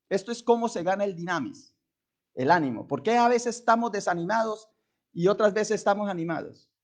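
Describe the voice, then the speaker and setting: A man with a Colombian accent, a pastor preaching a sermon, swinging from casual storytelling to loud emphatic questions. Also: sits high. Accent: Colombian Spanish. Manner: conversational storytelling asides.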